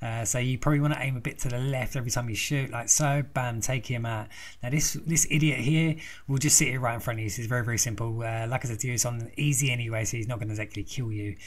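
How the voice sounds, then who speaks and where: A gaming video host with a medium-pitched voice sounds croaky from a throat infection as he gives a casual, profane game walkthrough. He talks quickly with fairly even intonation, rambling and chatty, and swears constantly.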